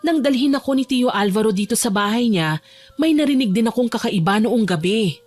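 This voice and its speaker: A young woman voicing a frightened young woman locked in a dark basement, tense and pleading as she narrates her own horror story. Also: on the high side, expressive, a little fast. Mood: hushed. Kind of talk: first-person horror story narration and dialogue. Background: faint music.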